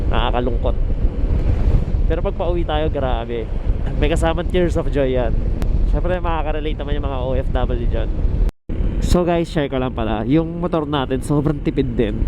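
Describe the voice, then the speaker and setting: A man hosting a casual motorcycle vlog, chatting to his viewers with a hoarse voice he says he has lost. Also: medium pitch. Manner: chatty, addresses viewers as guys. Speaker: motovlogger. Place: outdoors at a roadside meetup. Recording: road and traffic noise.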